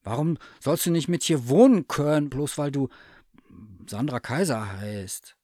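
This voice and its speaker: A man voicing a chatty, boyish stuffed toy bear in a storybook reading, with a high, eager voice. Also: expressive, unhurried, dark tone, no room sound, studio quality.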